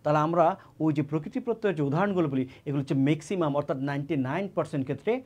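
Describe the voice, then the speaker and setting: A man's voice: on the high side, very fast, darkish tone. A man giving an exam-prep grammar lesson, often repeating key words and asking and answering his own questions. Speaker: teacher.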